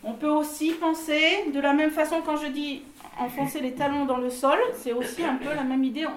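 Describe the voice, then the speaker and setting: A woman's voice: high voice, moderate pace, slight background noise. A woman leading a choir singing workshop, explaining technique with frequent laughs and short sung examples. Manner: lively, laughs often, sings examples. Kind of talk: vocal workshop instruction. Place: room with a group of singers. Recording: echoey room, from a distant mic.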